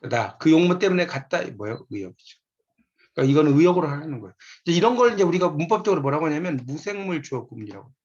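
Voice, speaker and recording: A man's voice: on the high side, lively intonation, fast, darkish tone, dull audio. A man giving a university lecture from a textbook, patiently telling students which pages and lines to look at.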